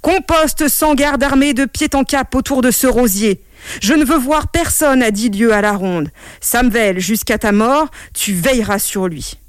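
A vain old king from a fairy tale who grumbles and gives orders, as a woman reading the story puts him on. He speaks slowly and heavily, in a dry, close recording. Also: a little high, no room sound, voice pushed up, natural voice. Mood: commanding. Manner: grumbling, commanding.

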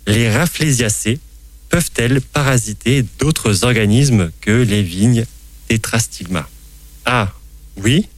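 A man hosting a science talk, at a middling pitch. He explains things at length, steady and clear, and slips in playful quiz questions. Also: slow pace. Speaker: science podcast host.

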